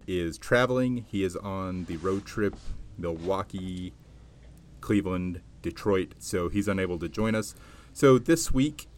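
A man hosting a sports podcast in a conversational way, with measured, wordy phrasing. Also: low-pitched, slight background noise. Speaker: podcast host and sports reporter.

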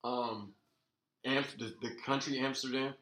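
A man's voice: mid-range voice, steady tone, unhurried, a bit bright, far from the mic. Middle-aged man, echoey room. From Florida. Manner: talkative, argues with long explanations. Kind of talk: casual podcast banter.

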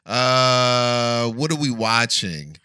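A man's voice: mid-range voice, animated, very slow, bright, forceful tone, smooth, no echo, clean studio sound. Laid-back man podcast co-host. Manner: laid-back, laughs often. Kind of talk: casual chat.

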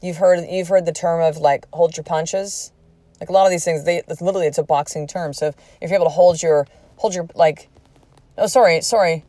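A woman's voice: fairly low pitch, a little fast, no echo. Woman in her 40s, podcast host, candid storytelling, swears freely, acts out quoted speech, dry close sound. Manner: candid and profane, animated retelling with quoted speech. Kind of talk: personal storytelling monologue.

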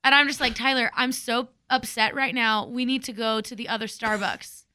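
Casual woman co-host in her thirties, high and bright, animated dramatic storyteller. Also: normal speed. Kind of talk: casual chat.

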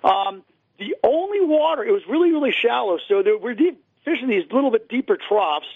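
A man's voice: very high voice, expressive, a little fast, husky, dry recording. A man chatting casually and at rambling length as a radio guest over a tinny phone line. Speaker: interview guest, angler. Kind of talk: casual radio interview chat. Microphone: phone call.

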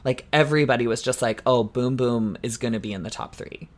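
A woman's voice: rumbling low, fairly quick. A woman co-hosting a podcast in casual chat, giggly and candid, often trailing off with "like" and "I don't know". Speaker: podcast co-host.

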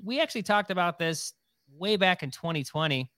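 A middle-aged man hosts a casual podcast chat. He rambles along with plenty of "um" and "you know," and his voice sits a little high for a man. The sound is dry and close, with almost no room echo. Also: expressive, brisk, pushed and bright, clean tone. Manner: rambling, chatty, many fillers. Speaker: podcast host.

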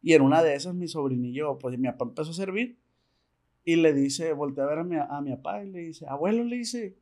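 A man's voice: on the high side, brisk. A man with a Mexican accent, a podcast guest telling a story in casual slang and acting out the dialogue. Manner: slangy, animated, acts out quoted dialogue.

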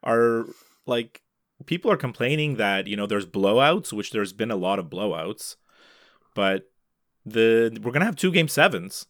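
A man's voice: fairly low pitch, lively intonation, a little slow, fairly bright tone, dry recording, studio quality. A man co-hosting a casual sports podcast, talking loosely with lots of fillers and restarts. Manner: chatty, many fillers and restarts. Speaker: podcast co-host. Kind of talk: casual chat.

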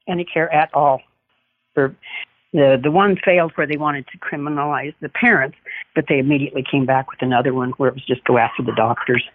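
A woman's voice: sits low, no room sound. A woman calling in to a radio talk show on speakerphone, speaking earnestly as a state director of an advocacy group. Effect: on speakerphone over a phone line. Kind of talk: call-in chat. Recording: tinny, dry speakerphone call.

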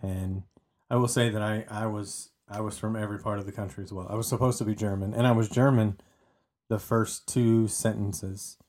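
Casual podcast co-host, male, mellow tone, chatty and given to restarts. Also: fairly low pitch, steady tone, normal speed. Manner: chatty, often repeats words while restarting. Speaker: podcast co-host telling the story. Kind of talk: casual true-crime podcast storytelling.

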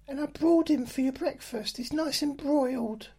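A man voicing a nagging ogre's wife in a high falsetto, ranting. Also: moderate pace, warm tone. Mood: aggrieved scolding. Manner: ranting, ad-libbed complaints in falsetto. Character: nagging old ogre's wife, shrill and scolding.

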